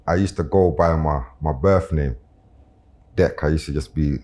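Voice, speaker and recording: A man's voice: rumbling low, normal speed, warm tone. A man with a South London roadman accent chatting casually as a guest rapper on a podcast, using plenty of street slang. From Brixton, South London. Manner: street slang with frequent tags like "innit" and "you know what I'm saying".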